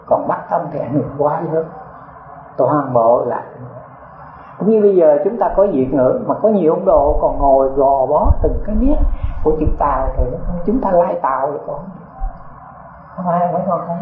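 An older monk giving a folksy, chatty dharma talk full of rhetorical questions. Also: male voice, on the high side, expressive, moderate pace. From Vietnam. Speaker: Buddhist monk teacher. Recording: echoey, tinny phone-like sound with faint noise.

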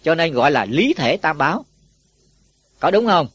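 A man's voice: on the high side, very animated, normal speed, a bit bright, slightly rough, no echo. A man, a Buddhist monk teacher giving a folksy dharma talk to monks, often asking them questions. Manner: folksy, asks listeners questions. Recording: dull lo-fi recording.

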